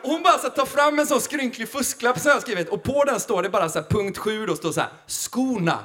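A man, a comedian, telling a story in an animated way, laughing and acting out the people he quotes. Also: extremely high pitch.

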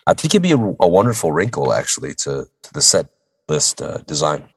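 A man co-hosting a casual podcast chat in a choked, hoarse voice that sounds half lost, with wordy, playful phrasing. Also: very deep voice, wildly swooping pitch, fairly quick, no echo. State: hoarse, choked-up, strangled voice from losing it. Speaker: podcast co-host.

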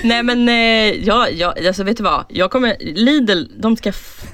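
A woman co-hosting a podcast in casual chat, chatty and excitable, swearing casually as she talks. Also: a little high. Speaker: podcast co-host.

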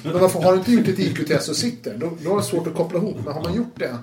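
A man guest telling his own story in a casual, animated way, swearing now and then and acting out what others said. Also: high-pitched. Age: adult with children. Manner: animated, swears, acts out quotes, laughs often. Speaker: interview guest. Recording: roomy room with faint noise.

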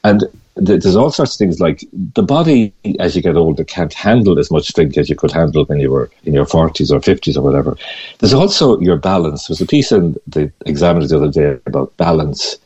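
An older man with a west of Ireland accent speaks in a very deep, husky voice. He explains things conversationally, circling back over words. The sound is dull and slightly muffled, like a lo-fi line. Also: lively intonation, brisk, dark tone. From Galway, west of Ireland. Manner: hesitant, repeating words as he explains. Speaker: radio interview guest, mindfulness teacher. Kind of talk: conversational interview talk.

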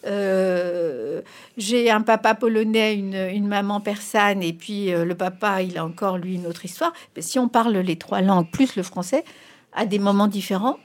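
As an expert guest in an interview, a middle-aged woman who grew up speaking Spanish answers at a moderate pace. She delivers her points emphatically, raising her pitch sharply whenever something matters most.

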